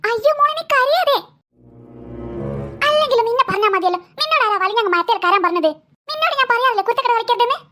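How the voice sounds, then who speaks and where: A woman's voice: very high-pitched, lively intonation, fast, pauses often, bright, forceful tone, soft background music, full character voice. A woman voicing a fretful cartoon mother who fusses over and scolds her daughter. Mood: scolding. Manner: fussing, scolding.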